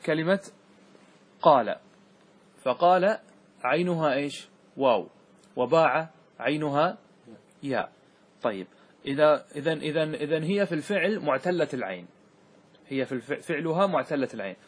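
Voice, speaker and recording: A man, a sheikh, teaching a class on Arabic grammar, reciting verse slowly and checking whether students follow. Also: a little high. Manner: asks students rhetorical checks like "clear?". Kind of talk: classroom lesson explaining verse.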